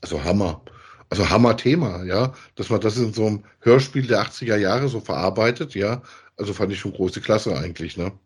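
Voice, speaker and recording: A man co-hosts a podcast reviewing audio dramas, chatting casually and pushing his opinions in an emphatic, colloquial way while often looking for agreement. His voice is lowish and husky, and he talks a little fast.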